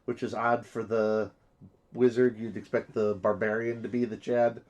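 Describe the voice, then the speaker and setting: A man's voice: fairly low pitch, flat delivery, normal speed, a little mellow. A man in casual unboxing chat, explaining details at length with frequent fillers. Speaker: co-host.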